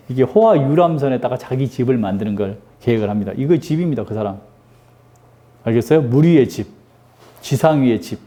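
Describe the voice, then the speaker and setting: A man's voice: medium pitch, mellow. A middle-aged man teaching an English grammar lesson, joking and teasing his students with constant rhetorical questions. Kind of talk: lively classroom lecture.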